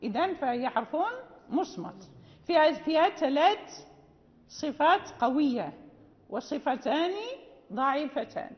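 A woman teaching Quran recitation rules, patiently demonstrating pronunciations slowly and checking with the listener as she goes. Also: high voice, expressive. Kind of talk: tajweed lesson. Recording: dull audio in a reverberant hall.

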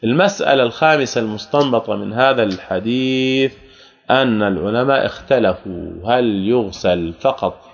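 A man's voice: mid-range voice, moderate pace, gravelly. Jordanian man teaching in a reverberant hall. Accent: Jordanian Arabic. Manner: repeats key phrases, asks rhetorical questions. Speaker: religious teacher. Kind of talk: Islamic jurisprudence lesson. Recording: archival hall recording, dull lo-fi sound.

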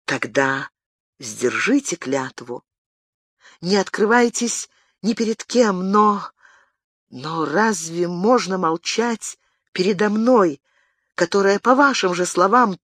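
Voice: mid-range voice, a bit bright, dry recording, clean studio sound, pitched above the performer's own voice. A reader voicing an earnest, insistent young noblewoman in an audiobook, pleading and questioning in a raised tone. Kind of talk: audiobook character reading.

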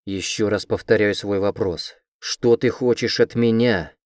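A man's voice: medium pitch, lively intonation, takes it slowly, darkish tone, no echo, studio quality. A man doing a growling furious demon. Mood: outraged. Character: angry, proud young male demon.

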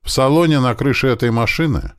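A man's voice: medium pitch, fairly quick, smooth, voice pushed up, close to an everyday voice. A man voicing a bold, fierce young woman who handles pistols, reading her lines in a raised voice. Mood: matter-of-fact. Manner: sharp, threatening then tender.

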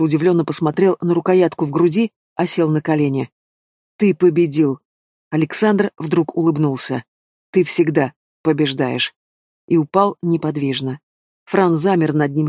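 A man narrates an audiobook in a fairly high voice, recorded dry and close with no room sound. He reads the dialogue without much change of character. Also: a little mellow, no echo. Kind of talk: scripted narration.

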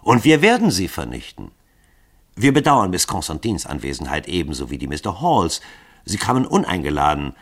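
A male narrator voices an older chief of assassins who speaks with calm, polite control. His lowish, husky voice moves with a lively lilt in an audiobook reading. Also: normal speed, heavily acted.

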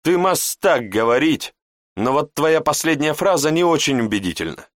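Mocking, sharp-tongued young woman apprentice, read by a man narrator, pitched up, dry close sound. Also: big pitch swings, normal speed, no room sound. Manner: mocking, grumbling.

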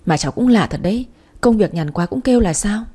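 A woman voicing a doting old grandmother who speaks gently and coaxingly in a storybook reading. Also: medium pitch, lively intonation, brisk, husky, voice pushed up.

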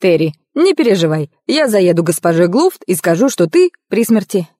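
Chatty male coachman, woman reader doing him, folksy, talkative, mellow, low voice, storybook. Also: very animated, moderate pace, no echo, clean studio sound. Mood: gossipy.

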